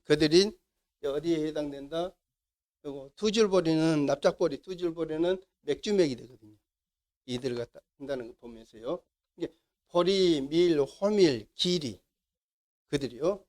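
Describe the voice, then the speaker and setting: A man's voice: on the high side, darkish tone. A middle-aged man with a Jeolla Korean accent, giving a classroom lecture as an instructor and answering his own questions to the class. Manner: asks the class questions and answers them himself.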